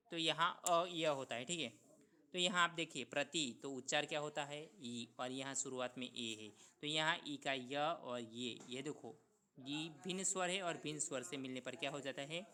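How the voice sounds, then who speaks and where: A man's voice: fairly high pitch, bright, forceful tone. A man teaching a school grammar lesson, who repeats each sound and asks his students questions that he then answers himself. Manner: repeats sounds and steps slowly. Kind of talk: recorded Hindi grammar lesson.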